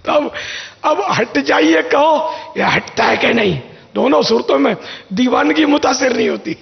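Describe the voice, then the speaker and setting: Gravelly high-voiced man preaching informally. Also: lively intonation. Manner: anecdotal, conversational, acts out quoted lines. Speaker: religious scholar giving advice. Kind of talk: informal religious talk. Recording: dull lo-fi sound with long reverb.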